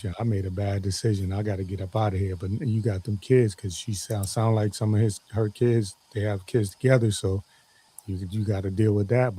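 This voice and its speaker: A man co-hosting a casual live stream, talking in a rambling, halting way with many restarts. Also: on the low side, dark tone, husky. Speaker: stream co-host.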